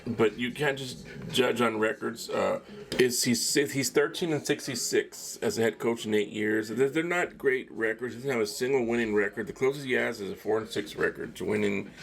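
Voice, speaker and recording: A man's voice: mid-range voice, normal speed, creaky. A man hosting a casual solo sports talk show, rambling and opinionated, with lots of fillers and a habit of ending phrases with "man.". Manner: candid, opinionated commentary. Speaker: podcast host.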